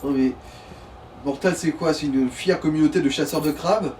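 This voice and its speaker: A man provides casual, wry, jokey co-commentary on a let's play video game session. His voice is slightly high and a bit mellow, at a moderate pace, captured by a distant mic with faint noise.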